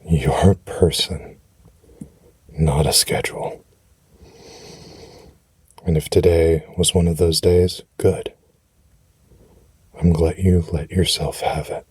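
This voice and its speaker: A man speaking soothing affirmations for rest in a deep, husky, breathy voice, gently and reassuringly, with unhurried pauses, close to the mic. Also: steady tone, no room sound. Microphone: close, dry microphone.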